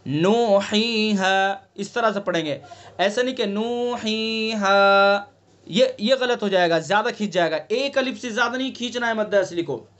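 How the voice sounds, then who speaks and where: A man's voice: high voice, expressive, a little fast, fairly bright tone, dull audio. A man with a Delhi Urdu accent teaching Quran recitation in an online class, patiently explaining, quizzing students and stretching out sounds to demonstrate. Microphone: online class call.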